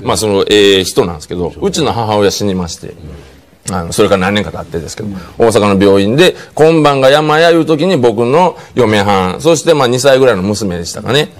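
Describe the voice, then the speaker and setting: A middle-aged man with a Kansai accent telling a comic story, acting out lines and dropping to hushed tones. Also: lowish voice, fairly quick. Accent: Kansai Japanese. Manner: animated, acts out quoted lines, drops to hushed tones. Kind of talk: comic storytelling on a TV panel show. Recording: studio audience laughter.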